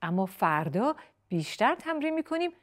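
A woman voicing a patient, firm mother bee-eater bird who talks in a calm, coaxing way. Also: medium pitch, voice pushed up, lightly acted.

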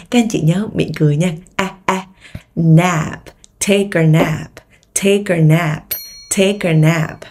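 A young Vietnamese woman teaching English vocabulary in Vietnamese. She drills each word slowly and explains quickly. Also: on the low side, darkish tone, slightly rough.

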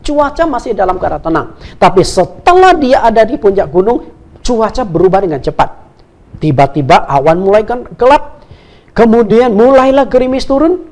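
A woman's voice: medium pitch, a little mellow. A woman preacher telling an illustration in a sermon, asking the congregation rhetorical questions.

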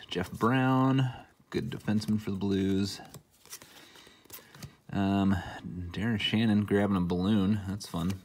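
Low-voiced man, slightly sick, rambling casually. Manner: rambling, dry asides while naming cards. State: under the weather, mildly sick. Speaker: host opening hockey card packs. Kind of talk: casual rambling unboxing commentary. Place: indoor room at a table, hobby display behind.

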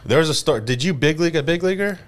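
A man's voice: fairly high pitch, lively intonation, racing. A man co-hosting a casual sports podcast, talking emphatically and teasing his co-host.

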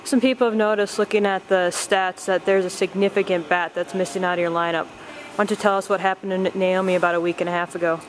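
A woman interviews a coach after a game. Her voice runs low and flat as she lays out questions, padding them with "you know". A faint hiss sits under her. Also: quick pace, low-quality recording.

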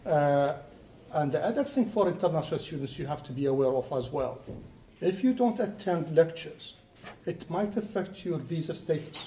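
A man's voice: a little high, lively intonation, normal speed, dark tone. A man speaking on a university panel, earnest and hesitant, with fillers and restarts. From Iraq. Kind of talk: panel discussion answers. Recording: echoey room, faint background noise.

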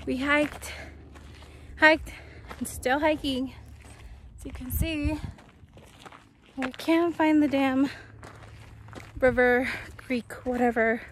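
A woman's voice: sits high, slight background noise. A young woman vlogging casually on a hiking trail, slangy and laughing, out of breath, recorded on a handheld phone outdoors. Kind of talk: casual outdoor vlog chat.

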